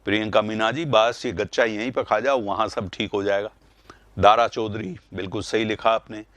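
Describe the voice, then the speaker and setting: A man teaching Hindi grammar in a live online class, calling students by name, repeating words and getting loud when he corrects them. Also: lowish voice, moderate pace, no echo. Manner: animated, rising sharply when correcting.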